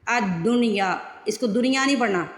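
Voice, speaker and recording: A woman teaching Quran recitation, chanting words slowly and drawn out between quick explanations. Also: on the high side, fairly bright tone. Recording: echoey room with long reverb.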